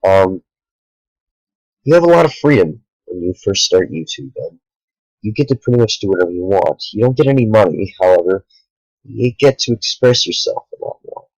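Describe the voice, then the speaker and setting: A tired young man talking earnestly to the camera late at night, a small YouTuber speaking in halting sentences with sighs. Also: on the low side, animated, darkish tone, dry recording, poor audio. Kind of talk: sincere direct-to-camera talk.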